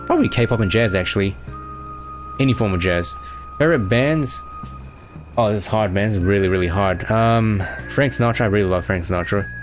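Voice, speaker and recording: Young male host, low-ish voice, relaxed rambling Q&A, steady music underneath. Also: fairly quick. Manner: easygoing, rambling, lots of fillers. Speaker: channel host answering fan questions. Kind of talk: casual chat. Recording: music playing behind.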